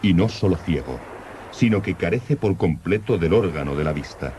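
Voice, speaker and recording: An actor playing a learned, confident older professor leading an expedition in an old radio drama, explaining things in a precise, theatrical way. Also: male voice, sits low, animated, moderate pace, warm tone. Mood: fascinated, didactic. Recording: old radio drama, faint background noise.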